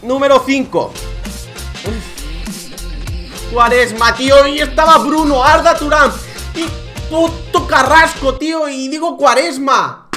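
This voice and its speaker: A young man with an accent from Spain, giving casual gaming commentary, swearing and exasperated. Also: very high-pitched. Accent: Spanish from Spain. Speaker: gaming youtuber.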